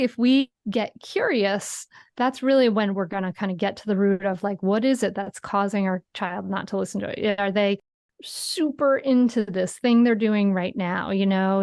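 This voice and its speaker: A woman's voice: mid-range voice, darkish tone, no room sound, studio quality. A woman guest explaining parenting practices in casual chat, earnest and explanatory, often adding a tag question.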